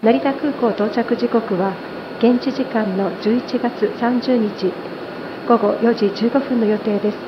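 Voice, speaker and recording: A woman flight attendant making a polite, formal plane cabin announcement over the cabin loudspeaker. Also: a little high, steady tone, a little fast, dull audio, noisy background. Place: airplane cabin.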